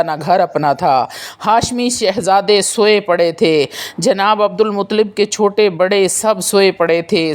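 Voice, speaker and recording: Woman telling a sad religious story like a sermon, solemn and mournful. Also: on the low side. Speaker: religious narrator.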